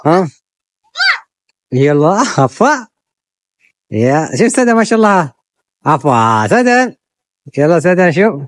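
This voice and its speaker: Very low-voiced woman, playful vlogger. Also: expressive, normal speed, long pauses, no room sound, clean studio sound. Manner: playful and coaxing, repeating admiring exclamations. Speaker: family vlogger filming children. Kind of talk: casual family vlog commentary.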